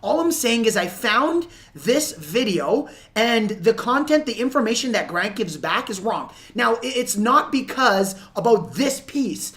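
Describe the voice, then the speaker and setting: A woman's voice: on the high side, very animated, measured pace, hardly any pauses, a bit bright. A woman giving unscripted instructional commentary to viewers as a sales coach, emphatic and repeating key points. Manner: emphatic, repeats points, acts out example dialogue. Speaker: sales coach and video host.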